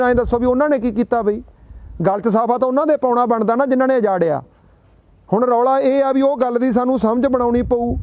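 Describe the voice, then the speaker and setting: Speaking to a gathering in an extremely high-pitched voice, a Punjabi-accented man spins folksy stories and throws out rhetorical questions. The recording sounds dry and dull.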